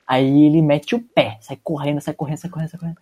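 A man's voice: fairly high pitch, steady tone, quick pace, darkish tone, husky. A man with a Brazilian accent on a casual podcast, retelling anime scenes step by step. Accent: Brazilian Portuguese.

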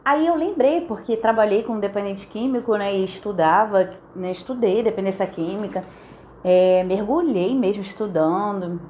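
A woman talking casually to her viewers, telling stories lively and acting out the remarks people make. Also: medium pitch, normal speed, highs cut off, a little hiss or hum. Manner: lively storyteller, acts out quoted remarks. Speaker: vlogger. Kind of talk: casual chat to camera.

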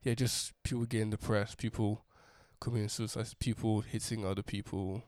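Low, mellow-voiced young man rambling. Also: little pitch movement, normal speed, no echo, studio quality. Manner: rambling, many restarts and fillers. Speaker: podcast host. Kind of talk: casual solo monologue.

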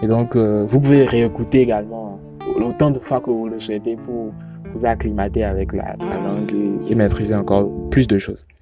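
Brisk and steady in tone, this fairly low-pitched man casually recommends his favorite podcasts, often restarting and repeating words. His first language comes from the Yoruba family. There's music in the background.

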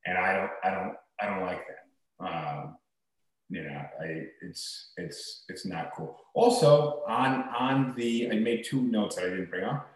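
A man's voice: low-pitched, a little slow. A male podcast host chatting in a casual, opinionated and blunt way in an empty room that echoes like a cave. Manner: blunt, swearing.

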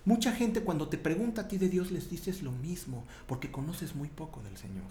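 A Mexican man delivers a sermon in a relaxed, chatty way, often checking in with his listeners. His voice sits a bit high and moves around a lot. The sound rings in a reverberant room. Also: moderate pace, slight background noise. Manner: conversational, animated, tag questions. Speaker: preacher.

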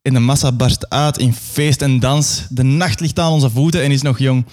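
A man's voice: medium pitch, steady tone, normal speed, darkish tone. A young man performing a grandiose, absurdist dramatic monologue.

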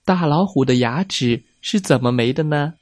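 A young adult man narrating a children's story in a gentle, clear way, speaking to children. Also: a little high, expressive, normal speed, no echo, studio quality.

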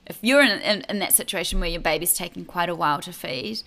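A woman's voice: on the low side, fast, vocal fry, bright, forceful tone. A woman co-hosting a podcast, giving baby sleep tips in a chatty, casual way with many restarts. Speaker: podcast co-host. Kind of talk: casual advice chat.

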